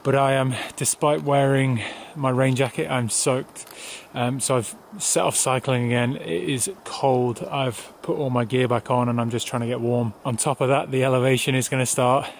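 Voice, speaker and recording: A tired young man, a touring cyclist, chatting casually to his camera outdoors by a highway and laughing often. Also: fairly even intonation, normal speed, gravelly, hardly any pauses, a little hiss or hum. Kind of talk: casual video diary.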